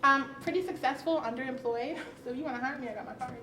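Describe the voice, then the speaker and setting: High-voiced woman speaking candidly at a panel. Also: fast, bright, forceful tone. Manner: frank, conversational, laughs often. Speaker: conference panelist. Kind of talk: candid personal talk at a roundtable. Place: conference session room. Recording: roomy, distant, faint hiss.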